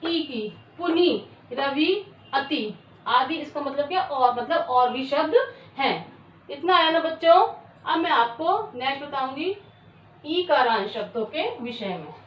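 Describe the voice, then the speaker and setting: A high-voiced woman teacher speaks slowly, dictating word by word and repeating herself as she quizzes her students. Her voice is recorded from some distance in an echoey room. The sound is dull. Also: animated. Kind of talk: classroom lesson.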